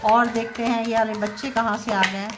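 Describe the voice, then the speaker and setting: A woman giving a channelled tarot reading to her viewers, mixing English phrases into her talk and reading out messages slowly. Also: on the high side, little pitch movement, background noise. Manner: mixes English phrases into Hindi, reads out slow English messages. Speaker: tarot reader.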